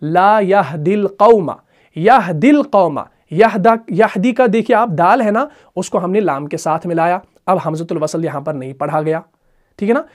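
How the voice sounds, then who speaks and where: A man with a fairly high voice gives a grammar lesson on reading the Quran. He chants example words slowly and drawn out, then explains them. He keeps pausing to check that his students follow. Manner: slow drawn-out recitation of example words, frequent "theek hai na" check-ins. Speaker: Quran teacher.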